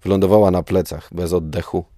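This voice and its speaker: Deep-voiced man reading a dramatic story. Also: steady tone, a little fast, warm tone, dry recording, clean studio sound. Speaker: narrator.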